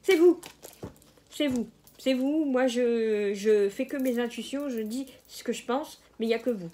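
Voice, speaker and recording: A woman's voice: on the high side, moderate pace, mellow. A woman giving a casual general tarot reading, hesitant, with many fillers and restarts and the odd laugh at her own jokes. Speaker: tarot card reader.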